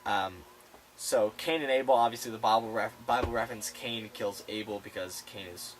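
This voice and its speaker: A young man co-hosting a casual book discussion, playful and excitable, acting out the quotes. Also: lowish voice, normal speed. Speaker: student co-host. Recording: distant mic, faint room noise.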